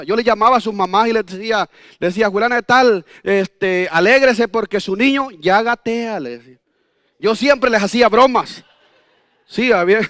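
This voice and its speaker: A pastor in his fifties preaches a sermon full of folksy personal stories, jokes and rhetorical questions. His voice is high-pitched and a bit bright. The studio sound is clean, with no echo.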